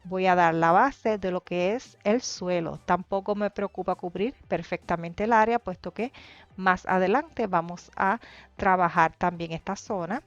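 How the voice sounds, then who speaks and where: A woman narrating a painting tutorial in a calm, explanatory way, pausing often with hesitations as she describes each step. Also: lowish voice, no echo. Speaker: painting teacher. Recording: dry, dull lo-fi voice-over with faint music.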